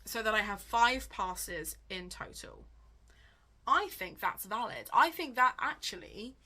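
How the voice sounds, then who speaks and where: Speaking at a medium pitch and a slow pace, this book vlogger is a woman in casual conversation, reasoning aloud. Her manner is animated and wry, and she keeps questioning herself.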